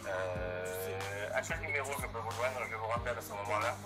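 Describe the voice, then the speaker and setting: An older man heard over the phone, a grandfather answering a call in a calm, polite, slightly puzzled way. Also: lowish voice, moderate pace, music in the background.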